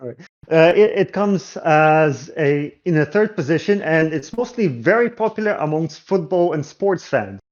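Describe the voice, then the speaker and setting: A man's voice: on the high side, lively intonation, normal speed, lo-fi sound. A man in a casual discussion, explaining findings with frequent hesitations. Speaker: guest analyst.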